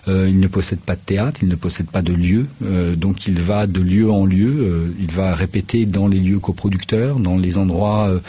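A man with a very low voice talks through a radio studio interview, halting often and restarting his sentences. His tone is dark and husky, and he pauses a lot as he lays out his work as a choreographer and festival director. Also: fairly even intonation. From Paris region, France. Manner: hesitant, many fillers and restarts.

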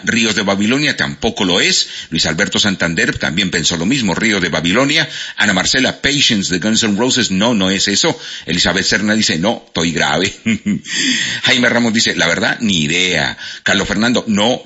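A man's voice: on the low side, breathy edge. A man with a Colombian Spanish accent hosting a radio quiz, reading out listeners' answers. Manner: animated, reads out listener answers. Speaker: radio host. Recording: lo-fi radio broadcast.

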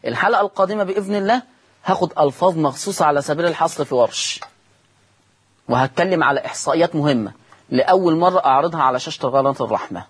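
A man's voice: a little high, lively intonation, rapid-fire, husky. A man with an Egyptian accent teaching Quran recitation on a broadcast lesson, drawing out recited words and quizzing his listeners. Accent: Egyptian Arabic.

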